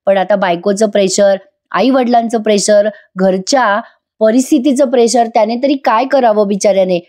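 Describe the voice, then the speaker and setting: A woman's voice: medium pitch, normal speed, a little mellow. Chatty woman reviewing a TV serial. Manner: chatty, sympathetic, addresses viewers. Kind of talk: voice-over episode review.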